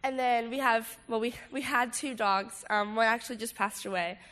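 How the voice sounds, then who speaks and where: A young woman speaks through a stuffy nose, audibly congested and sick. She gives an informal testimony talk in a casual, youthful, halting way, as a student speaker addressing a group. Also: on the high side, fairly even intonation, a bit bright. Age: late teens.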